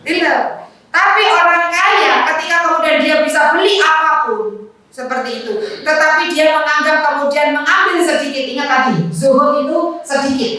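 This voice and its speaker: A woman's voice: sits high, normal speed, pushed and bright. A woman religious teacher giving a conversational study lecture, mixing in jokes and asides. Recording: echoey room, voice from far off.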